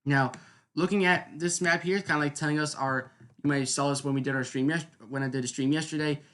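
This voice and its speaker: A slightly bright male voice on the higher side carries this live weather stream. The host explains things spontaneously and chattily, checking in with listeners often and repeatedly seeking their agreement.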